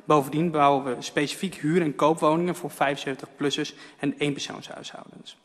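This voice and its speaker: A man council member works steadily through a prepared speech, his voice pitched somewhat higher than most men's. The council chamber adds a long, ringing reverb. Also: a little fast. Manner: steady, reading prepared points.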